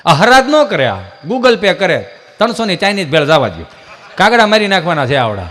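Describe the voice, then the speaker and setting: A man telling family stories as a folk comedian in a live show, acting out scenes with lively storytelling. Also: sits high, a little fast, long reverb tail.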